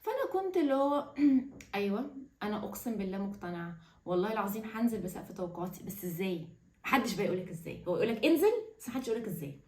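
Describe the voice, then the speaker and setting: A woman with an Egyptian accent giving a casual motivational talk, animated and conversational with quick asides. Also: medium pitch. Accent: Egyptian Arabic. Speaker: self-development speaker. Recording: roomy echo.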